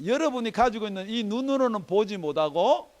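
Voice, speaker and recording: Male pastor, church sermon, emphatic, high animated delivery. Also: moderate pace, creaky. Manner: emphatic preaching with rhetorical questions and swings in loudness. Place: church sanctuary.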